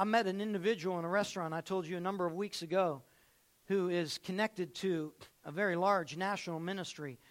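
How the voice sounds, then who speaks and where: A man's voice: high voice, fairly bright tone. A man preaching a sermon as pastor in a church, emphatic and repeating phrases, with joking asides. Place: church sanctuary.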